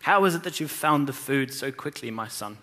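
A man voicing a frail, aged blind father in a low, hushed old man voice. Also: lively intonation, moderate pace.

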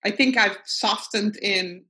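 Speaking slowly in a medium-pitched, sharp-toned voice, a woman whose first language is Dutch talks with a Dutch accent as a guest artist in a relaxed video-call interview. She reflects out loud and keeps returning to her earlier points.

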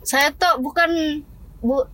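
A woman's voice: high voice, fairly even intonation, takes it slowly, pushed and bright. A woman chatting casually, full of fillers. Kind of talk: casual chat.

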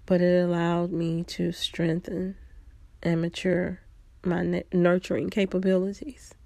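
A woman telling a personal story in a reflective, unhurried way, pausing often. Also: lowish voice, level tone, vocal fry, mellow, dry recording.

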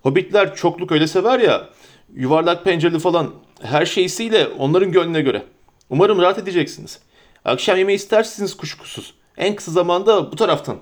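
A man reading aloud and voicing a stout, bustling, forgetful middle-aged innkeeper who chatters in a hurried, flustered way. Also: high voice, lively intonation.

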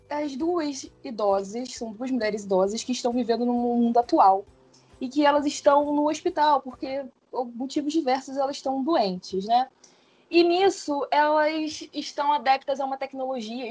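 High-voiced young woman. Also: a little mellow, husky. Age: 20s. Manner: explains at length, with frequent hedging fillers. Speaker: podcast guest. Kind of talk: casual podcast discussion.

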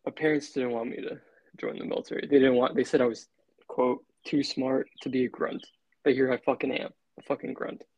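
A man speaking as an interview guest in a relaxed, laid-back way, swearing freely. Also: mid-range voice, no echo, rough recording. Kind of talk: casual interview chat.

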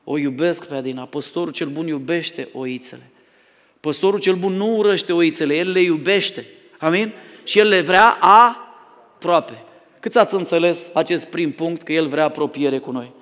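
High-voiced pastor preaching in a reverberant church. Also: male voice. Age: adult, married. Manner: dramatic storytelling, swings from loud calls to hushed tones. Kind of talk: sermon. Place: church hall.

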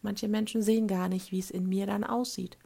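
A woman coach talks straight to her listener in an earnest motivational monologue. Her voice sits at a middle pitch with a steady gravelly fry. She often checks in with a quick question for agreement. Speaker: life coach.

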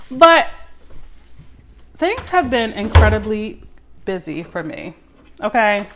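Young woman, chatty solo podcast host, medium pitch, talking casually from her kitchen. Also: a bit bright, slight background noise. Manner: chatty, addresses listeners as y'all. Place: home kitchen while cooking.

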